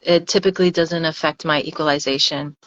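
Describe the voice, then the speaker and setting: A freediver appears as a guest on a casual podcast interview, a woman explaining things thoughtfully and haltingly, often repeating words. Her low voice is steady and fairly bright. The recording has no echo, and the highs are cut off.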